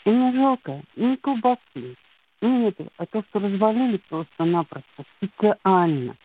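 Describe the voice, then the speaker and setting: A woman's voice: mid-range voice, expressive, normal speed, breathy edge, phone-quality sound. A woman caller earnestly giving her opinion on a live show over a poor phone connection. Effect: phone sound.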